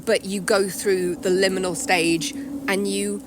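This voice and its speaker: A woman's voice: medium pitch, level tone, background noise. Breathless woman walking and talking. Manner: thoughtful, explanatory, quick to laugh. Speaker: author guest. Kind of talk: casual interview walking outdoors. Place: outdoors in a cemetery, traffic nearby.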